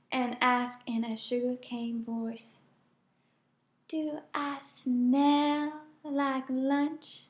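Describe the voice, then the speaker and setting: A woman teacher reading a picture book aloud with animated storytelling and asides. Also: on the high side, roomy sound.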